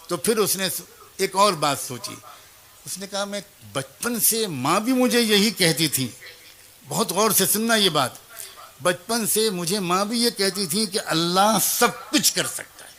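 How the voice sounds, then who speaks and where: A man's voice: high voice, expressive, bright, forceful tone. A man preaching a sermon as a story, emotive and dramatic, speaking each figure's lines himself and turning to address mothers and young people directly. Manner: emotive, voices the teacher, child and mother in turn.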